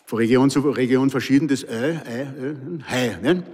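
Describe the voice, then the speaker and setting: Medium-pitched, a little mellow and husky, at a moderate pace: this storyteller in his sixties or older carries an Austrian accent from Pinzgau, Salzburg. Before a live audience he reads his own work and shares anecdotes, his humour dry and wry, while a reverberant hall echoes long behind him.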